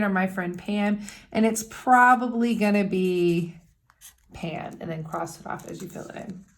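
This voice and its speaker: A woman's voice: mid-range voice, a bit bright. A woman teacher recording daily instructions for her class, explaining each step patiently and checking in often.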